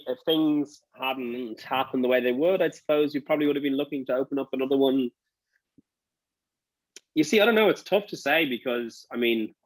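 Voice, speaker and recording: A man's voice: medium pitch, no room sound, poor audio. A man with a Dublin accent giving casual interview answers, rambling as he thinks aloud. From Dublin, Ireland. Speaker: interview guest, restaurant owner.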